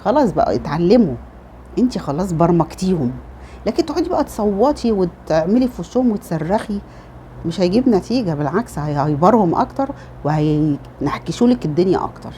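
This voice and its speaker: A woman's voice: lowish voice, very animated, fast talker, warm tone, a little hiss or hum. A middle-aged Egyptian woman with an Egyptian Arabic accent, giving casual motherly advice in a chatty home vlog. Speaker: lifestyle vlogger.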